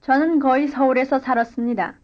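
A woman reading a scripted language-lesson dialogue and drill answers in clear, careful model sentences. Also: sits high, fairly even intonation, brisk, lo-fi sound. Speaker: language course speaker.

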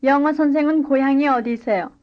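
A woman reading a scripted language-lesson dialogue and drill answers in clear, careful model sentences. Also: sits high, a little fast, lo-fi sound. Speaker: language course speaker.

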